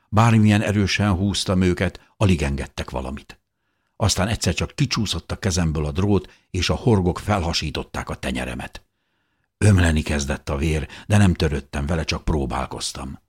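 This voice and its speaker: A man reading a novel aloud in the first person, in a measured and somber way. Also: low-pitched, husky. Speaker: audiobook narrator.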